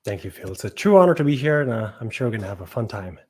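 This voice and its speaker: A man's voice: on the low side, sing-song, very fast, darkish tone, breathy edge. A man from Portugal, a guest answering interview questions in a thoughtful, hesitant way with frequent restarts. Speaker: podcast guest, entrepreneur. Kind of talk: casual interview talk.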